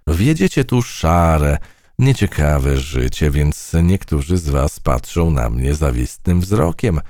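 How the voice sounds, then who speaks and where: A man voicing a vain female butterfly princess who drawls slowly and pompously. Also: extremely low pitch, sing-song, warm tone, no room sound, studio quality, heavily acted. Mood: haughty. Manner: slow, drawn-out and pompous.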